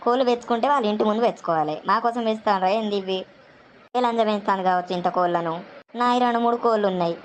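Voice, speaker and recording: A woman with a Telangana Telugu accent playing a quarrelsome village woman who curses loudly at stray hens. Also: mid-range voice, racing, a little hiss or hum, natural voice. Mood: ranting. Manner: loud cursing rant.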